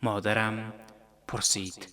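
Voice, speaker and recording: A man reading a literary story on radio, calm and measured. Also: on the low side. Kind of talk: scripted literary narration.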